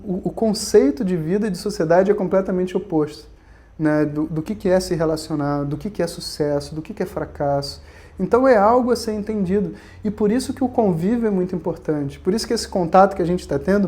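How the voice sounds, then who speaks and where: A man's voice: high-pitched, dark tone. A man with a Brazilian Portuguese accent teaching Vedanta in a conversational, storytelling way. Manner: conversational, storytelling, frequent tag questions. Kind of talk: recorded online lecture.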